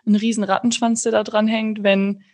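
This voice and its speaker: Even-toned woman chatting as podcast host. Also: medium pitch, moderate pace. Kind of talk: casual conversational podcast talk.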